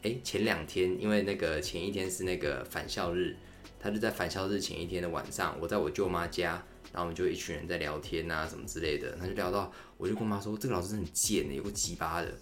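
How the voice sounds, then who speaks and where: A man's voice: low voice, fast talker, faint music behind. A young man, hosting a podcast and telling a story in a candid, rambling, chatty way. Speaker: podcast host. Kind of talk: casual solo storytelling.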